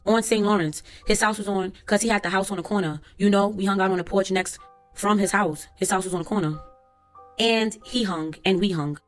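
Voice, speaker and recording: A woman with a natural, medium-pitched voice reads out a court transcript, speaking as a young male witness. She keeps it plain and unhurried, full of street slang, while faint music plays in the background.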